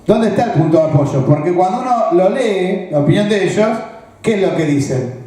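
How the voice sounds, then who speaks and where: A man with a Rioplatense Argentine accent lays out a political analysis as a speech, pausing to ask whether his listeners follow. His voice sits high but with a mellow, dark tone. The recording is heavily echoey and roomy. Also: expressive. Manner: explanatory, asks the audience rhetorical check-in questions. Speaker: political speaker.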